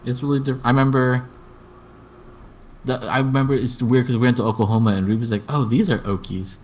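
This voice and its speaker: A man's voice: medium pitch, level tone, fast talker, a little mellow, highs cut off. A man from Texas with a general American accent, chatting casually and telling rambling stories with many restarts. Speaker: streamer host. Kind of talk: casual chat.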